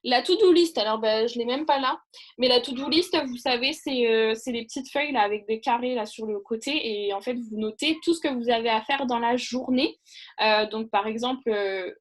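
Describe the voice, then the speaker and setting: Brief: chatty woman trainer, slightly high voice, rambles with fillers, live video call. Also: normal speed. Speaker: online training presenter. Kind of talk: casual live training talk.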